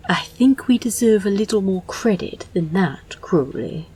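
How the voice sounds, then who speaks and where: A woman's voice: medium pitch, lively intonation, unhurried, mellow, husky. A woman voicing a prim, polite male angel in a fan audio drama, earnest and genteel with a touch of indignation.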